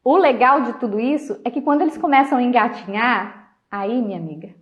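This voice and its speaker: A woman talking casually on a live stream, chatty, laughing often and trailing off softly at the ends of phrases. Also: fairly high pitch, fairly quick. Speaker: host. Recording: dull lo-fi live-stream audio.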